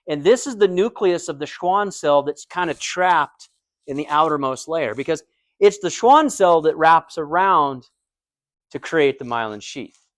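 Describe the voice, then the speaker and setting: American male instructor, slightly higher voice, casual explainer, dry close sound. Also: fairly bright tone, dry recording. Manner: conversational, explains with everyday comparisons and check-in questions. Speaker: anatomy and physiology instructor. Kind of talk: recorded lecture.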